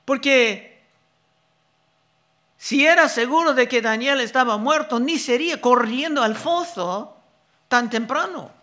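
A man preaching a sermon, reading Bible verses slowly and deliberately and explaining them. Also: very high-pitched, sharp tone.

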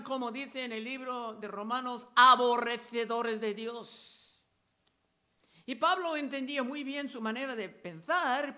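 A man preaching a sermon, reading scripture verses aloud and explaining them slowly and deliberately. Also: very high-pitched. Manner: slow, deliberate delivery, raising voice for quoted crowd shouts.

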